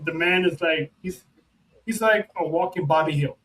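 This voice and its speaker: A man co-hosts a relaxed podcast, chatting casually. His voice sits a bit high for a man and jumps around with animated energy, often doubling up his words. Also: normal speed, husky, low-quality recording. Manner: animated, repeats words, laughs. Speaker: podcast co-host. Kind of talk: casual chat. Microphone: remote call setup.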